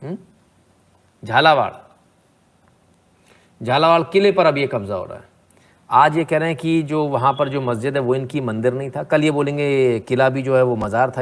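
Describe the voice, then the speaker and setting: Man, commentator, gravelly voice, middle pitch, sarcastic, rhetorical, opinionated commentary. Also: animated, moderate pace, pauses often. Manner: sarcastic, rhetorical, asks "hmm?" to the viewer. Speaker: commentator reacting to debate clips.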